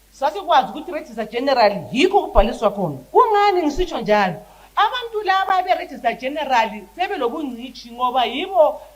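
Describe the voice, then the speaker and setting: A woman with a Zimbabwean Ndebele accent giving a parliamentary debate speech as a member, in a halting manner with repeated starts. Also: sits high, poor audio.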